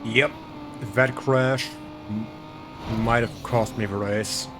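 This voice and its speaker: A German man with a light accent and a mid-range voice chats slowly and casually with viewers as he streams a racing game. He's relaxed and talkative, greeting and thanking people in chat. Loud engine and traffic noise from the game sits behind his voice.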